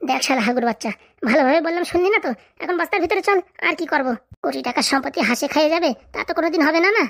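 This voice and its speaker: A woman's voice: high voice, very fast, no echo, clean studio sound, voice pushed up. A woman voicing a greedy, scheming cartoon villainess who sneers, curses and gives orders. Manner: sneering, bossy, cursing. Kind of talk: cartoon voice acting.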